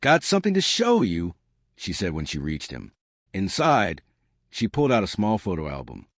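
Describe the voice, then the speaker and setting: A man narrating a scripted heartfelt story in a soft, measured, emotive way. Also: lowish voice, no echo, clean studio sound.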